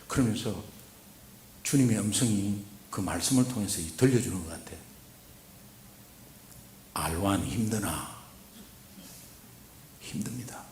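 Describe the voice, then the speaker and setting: A man preaching at a revival, telling a story and then exhorting, moving from hushed recounting to loud urging. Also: on the low side, measured pace, long pauses, a little hiss or hum. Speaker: guest preacher. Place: church sanctuary. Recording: echoey church hall.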